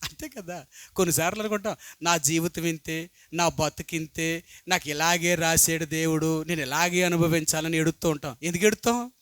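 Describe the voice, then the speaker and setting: Guy preaching a sermon, high bright voice, gets loud and pleading then drops low, dry sound. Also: normal speed, dry recording. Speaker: pastor. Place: prayer house.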